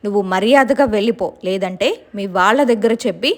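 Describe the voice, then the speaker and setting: A woman's voice: mid-range voice, a little fast, natural voice. A woman voicing her stern mother scolding and threatening a spirit in a told story. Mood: angry.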